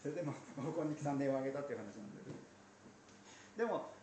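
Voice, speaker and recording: A man's voice: medium pitch, expressive, rapid-fire, noisy background. A man preaching a sermon as a pastor, chatty and storytelling, with asides. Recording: roomy sound from a distance.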